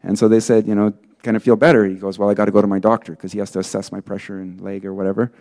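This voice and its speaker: A man's voice: fairly low pitch, very fast. A man preaching in a casual storytelling way, full of fillers, acting out the people he quotes. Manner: acts out quoted people in lively bursts. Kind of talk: sermon testimony.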